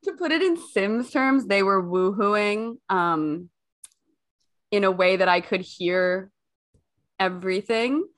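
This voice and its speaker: A woman's voice: mid-range voice, takes it slowly. A hungover young woman co-hosting a podcast, chatting casually and telling stories in a candid, self-mocking way with loose swearing. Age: young adult. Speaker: podcast co-host.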